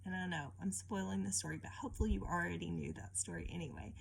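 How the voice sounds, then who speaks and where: A woman with a fairly low, gravelly, husky voice reads a picture book quickly. She teaches children informally and expressively, often addressing the listener with questions.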